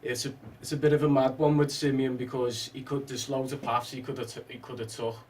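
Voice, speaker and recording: Flat-voiced laid-back actor. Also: male voice, mid-range voice, brisk, recorded from a distance. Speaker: actor guest. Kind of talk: casual interview chat.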